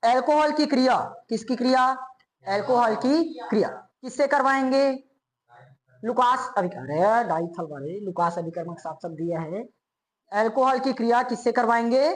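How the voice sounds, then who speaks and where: A woman's voice: fairly high pitch, rough recording. A woman teaching a chemistry lesson, asking students repeated check questions and then answering them herself. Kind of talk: classroom lecture.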